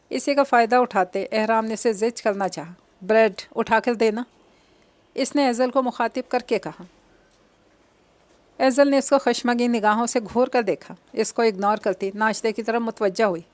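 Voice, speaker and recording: A woman narrating a romance novel aloud with a steady storytelling delivery. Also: on the high side, no echo.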